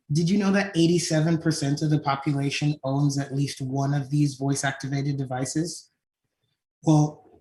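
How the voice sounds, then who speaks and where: Fairly high yet darkish in tone, the man's voice presents his tech company at a design conference as its founder. He tends to wrap up points with "right?" as a question, and the recording sounds roomy and echoey.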